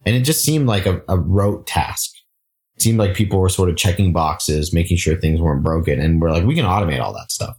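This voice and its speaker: A man's voice: sits low, brisk. A man who grew up in Singapore, a startup founder talking casually in an interview, full of fillers and restarts. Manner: relaxed, frequent fillers and restarts.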